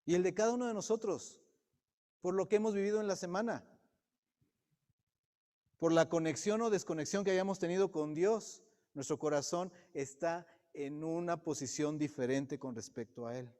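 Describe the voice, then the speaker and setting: A man delivers a sermon to his congregation in a fairly high but mellow voice. He keeps turning to the people with direct questions. The church hall adds a long, ringing reverb behind his words. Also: moderate pace. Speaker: preacher. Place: church sanctuary.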